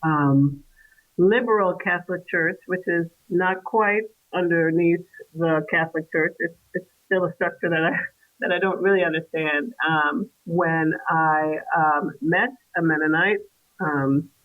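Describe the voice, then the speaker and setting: A woman's voice: fairly low pitch, steady tone, a little slow. A woman from Trinidad, a guest on an interview podcast, talking through her answers thoughtfully with many fillers and restarts. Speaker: guest, independent scholar. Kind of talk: casual interview conversation. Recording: tinny phone-like remote call line.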